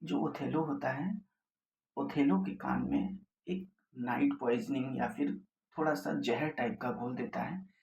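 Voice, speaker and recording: A man teaches an exam vocabulary class at a middle pitch. He explains each word in Hindi and reads the English definitions slowly and deliberately. The voice carries a roomy echo over faint background noise. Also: darkish tone. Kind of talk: vocabulary lesson for exam prep.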